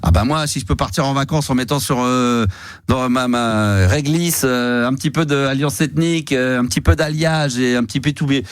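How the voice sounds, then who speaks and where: A man's voice: medium pitch, moderate pace, clean tone, no room sound, studio quality. A man hosting a late-night call-in radio show, with loose, enthusiastic banter and plenty of swearing. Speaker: radio host.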